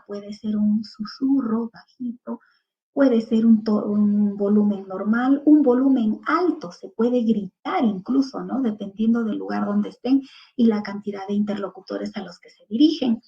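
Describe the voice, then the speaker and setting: A woman's voice: mid-range voice, a little slow, lo-fi sound. A woman with a Peruvian Spanish accent giving a lecture to teachers, explaining things step by step and listing examples one after another, with fillers between them.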